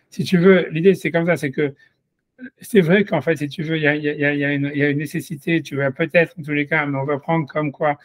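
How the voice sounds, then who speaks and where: A man's voice: a little high, a bit bright, dry recording. A man giving an informal Torah lesson, rambling with many fillers and restarts as he speaks to a listener directly. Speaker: rabbi teaching a class.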